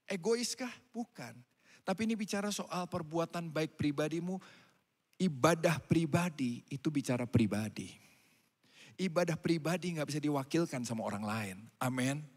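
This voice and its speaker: Man pastor, lively church sermon, fairly high voice, long hall echo. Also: moderate pace. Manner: animated preaching, swinging from loud calls to quiet asides. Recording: hall reverb.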